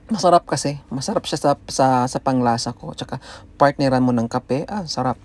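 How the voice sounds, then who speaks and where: A Filipino vlogger with a medium-pitched voice tells a casual story a little fast, switching between Tagalog and English. He's chatty and laughs often as he talks.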